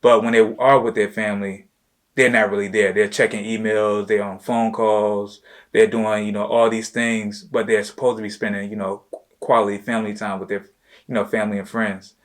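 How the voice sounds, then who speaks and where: A man's voice: lowish voice, little pitch movement, normal speed. A man hosting a casual chat with his wife, talking loosely and informally with plenty of "you know" and "like" fillers. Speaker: host, entrepreneur.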